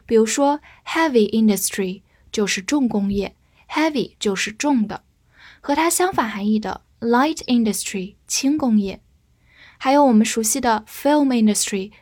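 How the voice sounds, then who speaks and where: Woman teaching vocabulary, spelling words slowly. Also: fairly high pitch, darkish tone, no room sound, studio quality. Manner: spells words letter by letter and repeats them slowly. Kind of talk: explanatory vocabulary lesson.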